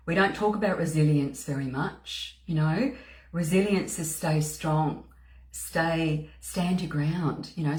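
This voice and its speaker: With a fairly low voice in a roomy-sounding recording, a woman speaks earnestly as a spiritual mentor and psychic medium. Her motivational talk is peppered with "you know" and "okay," and she repeats words to drive points home.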